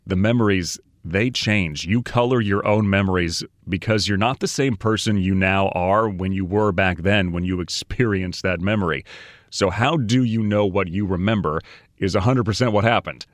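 A man's voice: deep voice, moderate pace, no echo. A man hosting a podcast in a casual, conversational way with short punchy phrases, close on a podcast mic. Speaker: podcast host.

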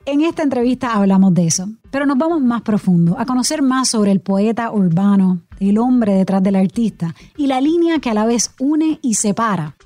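Woman, Puerto Rican accent, podcast host, mellow voice, dry close sound. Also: fairly high pitch, expressive, normal speed, hardly any pauses, no room sound. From Puerto Rico. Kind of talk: scripted narration and interview.

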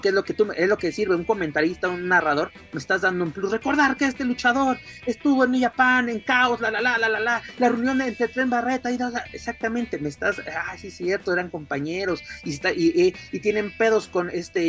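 A woman with a Mexican accent hosting a casual podcast, animated and quick to act out quotes. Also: medium pitch. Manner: animated, acts out quoted voices. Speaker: podcast host.

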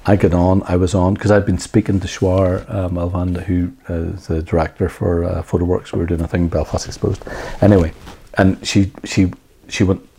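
A middle-aged man co-hosting a casual chat, telling rambling, animated stories with plenty of swearing and restarts. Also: deep voice, creaky, slightly rough. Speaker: podcast co-host.

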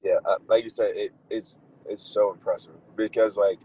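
A man's voice: fairly low pitch, steady tone, moderate pace, dark tone, breathy edge, poor audio. A young man, a football wide receiver, answering interview questions in a casual, laid-back way, full of likes and restarts.

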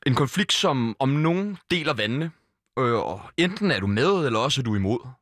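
Lively deadpan Danish-speaking comedy man. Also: mid-range voice, no room sound, studio quality. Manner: provocative, deadpan one-liners. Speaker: podcast co-host. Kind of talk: satirical comedy podcast banter. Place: studio.

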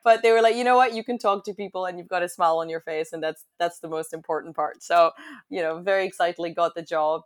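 Guest: young woman, American accent, chatty, a little low-pitched. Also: fast. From France. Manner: chatty, with frequent fillers and restarts. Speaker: guest, hospitality business owner. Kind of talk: casual conversational interview.

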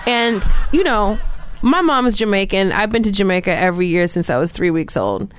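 A woman's voice: medium pitch, lively intonation, brisk, smooth, no room sound. A woman comedian from New Jersey, telling stand-up stories in a casual chat and laughing through her lines. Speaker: comedian guest.

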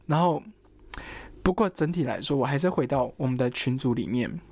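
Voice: medium pitch, expressive, fairly quick, darkish tone, no echo. Young adult, chatty storyteller, dry close sound. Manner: chatty, quotes others, lots of fillers like "然后" and "anyway". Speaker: student telling a personal story. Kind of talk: casual storytelling vlog.

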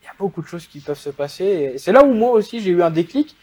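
A man's voice: high voice, sing-song, very fast, darkish tone. A man with a French accent, a guest in a casual interview, explaining at length with many fillers. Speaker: guest, e-commerce agency founder.

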